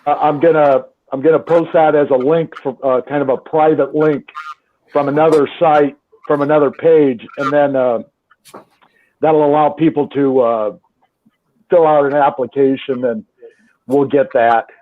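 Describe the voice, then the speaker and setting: A man who runs a restaurant, chatting casually over a video call. He talks haltingly with many pauses and restarts, and his audio is buzzy and glitchy, breaking up and freezing. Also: on the high side, fairly even intonation. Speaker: restaurant owner joining a live chat by video call. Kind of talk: casual chat. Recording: tinny, noisy call line.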